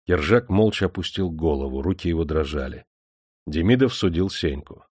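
Brief: male narrator, very low voice, dry close sound, grave and measured. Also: expressive, a little mellow, breathy edge, no room sound. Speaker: audiobook narrator. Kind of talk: dramatic storytelling narration.

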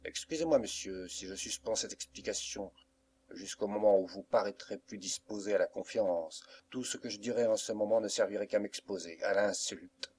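A man's voice: fairly low pitch, normal speed, darkish tone, husky. A man reading a restrained young woman. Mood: firm. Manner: polite, restrained. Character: frightened but firm young woman. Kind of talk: audiobook reading.

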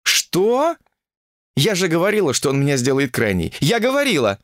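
A fed-up young woman protests shrilly, her voice jumping high with outrage, as a man reading an audiobook puts her on. Her delivery is lively and full of swings, and the recording is close and dry. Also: normal speed, no echo. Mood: exasperated. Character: indignant young woman graduate student.

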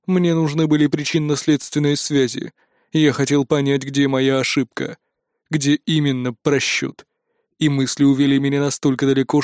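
Brief: man playing a burnt-out AI, drawn-out and cold, dry close read. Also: darkish tone, dry recording, lightly acted. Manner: slow, low and tired. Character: weary disillusioned male AI, cold and resigned.

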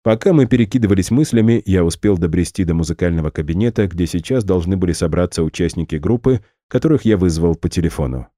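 Male audiobook reader, low and dry, plain delivery. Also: lively intonation, fast talker, few pauses, dark tone, no room sound. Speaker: audiobook narrator. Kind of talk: first-person audiobook narration.

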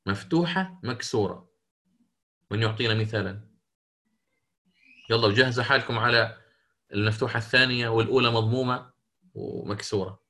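A man's voice: mid-range voice, fairly quick, pauses often, pushed and bright. A man teaching Quran recitation rules in an interactive lesson, questioning students and correcting their answers.

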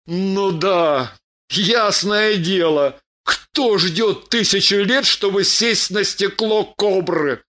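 A woman's voice: medium pitch, takes it slowly, a bit bright. Woman voicing a gloomy young warrior. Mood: sullen. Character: bitter young warrior man, gloomy and confused.

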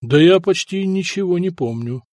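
A man's voice: high voice, lively intonation, normal speed, darkish tone, dry recording, studio quality, voice pushed up. A man doing a brash burly skeptic. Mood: skeptical. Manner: brash, gruff, dismissive.

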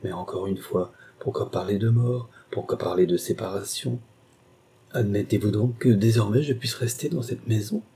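A man's voice: on the low side, normal speed, gravelly, warm tone, slightly rough, heavily acted. A man reading a passionate young woman governess in an audiobook, impassioned and pleading. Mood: anguished.

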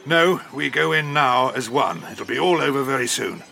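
An actor playing a courteous, commanding police officer, calm and authoritative, in an audio drama. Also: male voice, medium pitch, moderate pace, vocal fry, background noise. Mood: calm, resolute.

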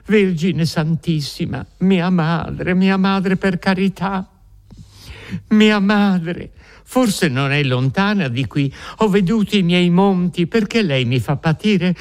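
A man's voice: sits high, voice pushed up. A man reading an audiobook, voicing a frightened young peasant woman who begs desperately in a trembling voice.

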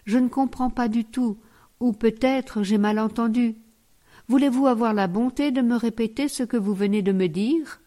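A woman's voice: a little high, moderate pace, warm tone, close to an everyday voice. A woman reading the part of a proud young lady of a grand house, speaking curtly and with dignity. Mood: stern. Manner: curt, dignified.

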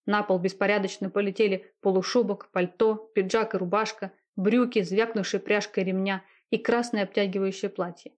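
A woman reading a romance novel aloud in a steady, intimate narrating voice. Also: mid-range voice, moderate pace, hardly any pauses.

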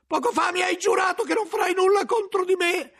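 A man voicing a furious, desperate monk cellarer who shouts his accusations. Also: a little fast. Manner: shouting, high-strung.

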